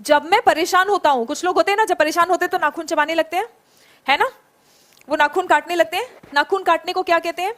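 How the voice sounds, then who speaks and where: High-voiced woman teaching English. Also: fairly bright tone. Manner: drills phrases slowly, praises students by name. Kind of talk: online spoken English class.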